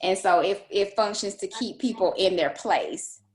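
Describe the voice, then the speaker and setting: A woman's voice: medium pitch, a little slow, roomy sound. A woman talking things through on a video call with an ordinary mid-range voice. She stays conversational and thinks aloud, with plenty of "you know" and "um.". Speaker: book club discussion member. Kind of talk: casual discussion on a video call.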